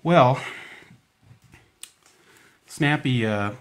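Speaking very slowly at a medium pitch, an American man runs a library storytime for children. He keeps it folksy and informal, coaxing the kids along with frequent questions to check in.

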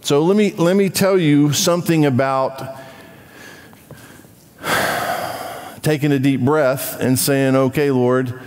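A man preaching a church sermon as pastor, emphatic and animated, with offhand asides. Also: on the high side, slow, pauses often, long reverb tail. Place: church sanctuary.

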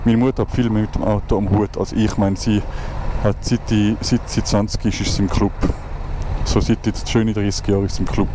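A man's voice: on the low side, flat delivery, brisk. Swiss german guy talking while riding. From Switzerland. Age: 20s. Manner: rambling, many restarts and fillers. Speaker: motovlogger. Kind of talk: casual motovlog commentary while riding. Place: outdoors on a motorcycle in traffic. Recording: road and wind noise behind the voice.

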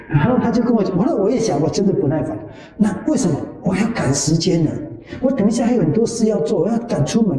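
A man giving a conversational Buddhist teaching, animated and repetitive, often trailing lines with drawn-out particles. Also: sits high. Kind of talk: conversational dharma talk with personal anecdotes. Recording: echoey hall, voice from far off the mic.

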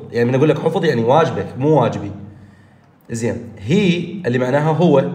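A man's voice: medium pitch, darkish tone, reverberant. A man with an Iraqi Arabic accent, teaching an online English grammar lesson, explaining step by step and answering his own questions.

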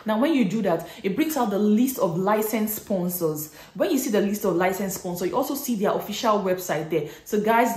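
A woman in her thirties speaks in a middle pitch, chatty and encouraging as she talks straight to camera. The sound is roomy, with a clear echo from the living room around her. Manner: chatty, encouraging, addresses viewers as guys. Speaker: vlogger. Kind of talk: advice vlog to camera.

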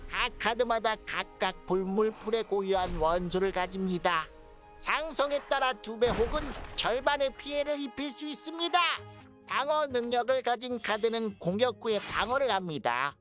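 A woman's voice: fairly high pitch, normal speed, faint music behind, natural voice. A woman voicing a young female guide, reading a scripted game tutorial. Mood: instructive.

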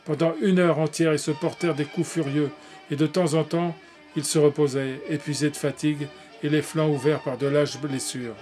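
A man narrating a classic tale in a measured way, with occasional slips and restarts. Faint music plays behind him. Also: fairly high pitch, little pitch movement, a little mellow. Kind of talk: reading a classic tale aloud.

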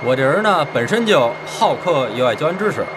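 A smooth-talking, self-justifying engineer. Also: male voice, fairly high pitch, sing-song, a little fast, very noisy. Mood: boastful. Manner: smooth-talking, pleading, indignant. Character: boastful philandering male engineer, self-justifying. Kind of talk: TV period drama acting.

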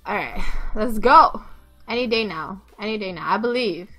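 A woman streaming a game live, excitable, laughing and swearing as she comments on each fight through her headset. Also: medium pitch, moderate pace, soft background music. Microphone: headset with headphones.

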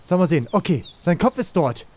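Ein Mann, der aufgeregt ein Spiel kommentiert, in Panik ruft und fleht und viel Jugendslang benutzt. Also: male voice, high-pitched, fairly quick, a little hiss or hum. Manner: excitable, shouts and pleads in panic, youth slang. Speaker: let's play host. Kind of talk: excited gaming commentary.

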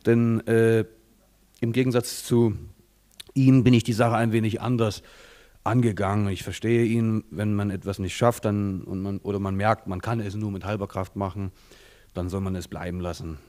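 A man's voice: on the low side, darkish tone. A young man speaking hesitantly at an award ceremony, with many fillers, at a lectern in a hotel ballroom. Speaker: author commissioned to write next year's text.

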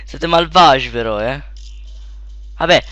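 A young man giving casual let's play commentary, shouting at sudden deaths and then muttering quietly to himself, close to a desk mic. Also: unhurried, clear, resonant tone, no echo. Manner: excitable, yelps and shouts at in-game deaths, then mutters low.

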